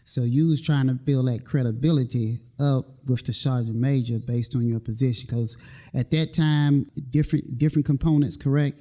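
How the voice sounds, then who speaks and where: A man from North Carolina with a slow Southern drawl, hosting a conversational interview as a military chief. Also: medium pitch, fairly even intonation, mellow. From North Carolina, USA. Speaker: host, military command chief.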